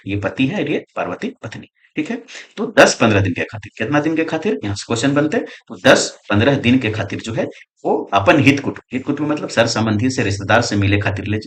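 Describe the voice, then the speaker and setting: A male teacher, reading lines of a story aloud and explaining each one, with constant tag questions. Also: medium pitch. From Jharkhand, India. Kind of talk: exam-prep lesson explaining a story.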